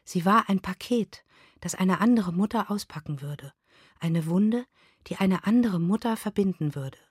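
Woman giving an expressive literary reading. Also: mid-range voice, breathy edge, dry recording, clean studio sound. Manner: measured, expressive first-person narration. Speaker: reader.

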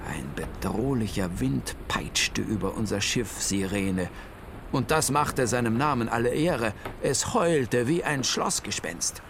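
A man voicing an old male owl who tells his own adventure in a playful, lively children's audiobook style. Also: mid-range voice, noisy background. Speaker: first-person storyteller. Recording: music playing under the voice. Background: music.

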